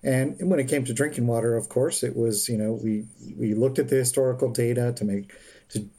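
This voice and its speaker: A man, a guest on a podcast, explaining technical matters in a measured, explanatory way. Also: mid-range voice, dark tone. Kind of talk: interview answers.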